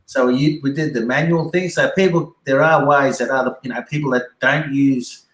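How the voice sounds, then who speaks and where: A man's voice: medium pitch, steady tone, normal speed, fairly bright tone, roomy sound, rough recording. A man with an Australian accent, a guest chatting casually and loosely, with many fillers and restarts. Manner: laid-back, rambling, many fillers. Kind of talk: casual yarn on a live stream.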